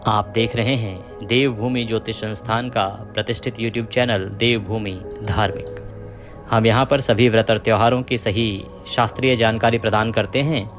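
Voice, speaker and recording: A man who hosts a devotional channel, narrating a religious story in a measured, reverent way and speaking to his devotees. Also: lowish voice, steady tone. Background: music.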